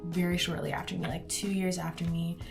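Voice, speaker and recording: Chatty young woman, lowish voice. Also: flat delivery, fairly quick, creaky, over music. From Houston, Texas. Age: 20s. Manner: chatty, rambling, says "like" often. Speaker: beauty vlogger. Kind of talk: casual chat while doing makeup.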